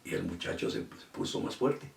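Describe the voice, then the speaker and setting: A man's voice: low voice, huge pitch swings, moderate pace, creaky. A middle-aged male pastor preaching a sermon, telling a story and quoting the people in it. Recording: echoey room from far off.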